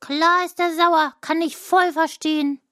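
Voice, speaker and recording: A woman's voice: very high-pitched, steady tone, a little slow, pushed and bright, no echo, clean studio sound, heavily acted. A woman voicing a young, stubborn woodworm boy in a children's audio drama, sulky and defiant. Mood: thoughtful.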